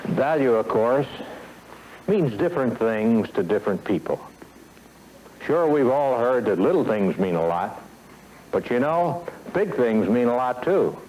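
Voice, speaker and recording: Speaking as a company executive, an American man gives a scripted sales training talk in a formal, measured way, stressing phrases and pausing deliberately. His mid-range voice is sing-song; the 1970s film soundtrack sounds muffled with a little hiss or hum.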